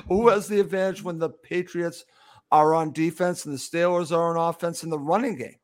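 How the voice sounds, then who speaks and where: A man hosting a sports talk show, briskly steering the discussion and handing over to his co-hosts. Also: on the high side, steady tone. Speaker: show host.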